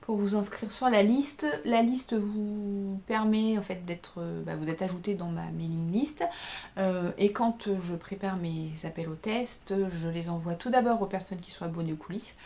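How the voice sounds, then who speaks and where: A tired woman in her thirties, a knitting pattern designer and podcaster, chats casually on her crafting video podcast while showing her work to the camera. Her mid-range voice has a dark tone and a moderate pace, and she sounds hesitant, with lots of fillers.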